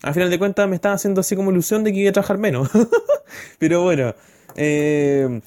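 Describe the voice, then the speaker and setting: A young man with a Chilean accent casually telling a story about his studies, slangy and animated, acting out what people said. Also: high-pitched, quick pace. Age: young adult. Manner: animated, acts out quotes, slangy. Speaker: student storyteller.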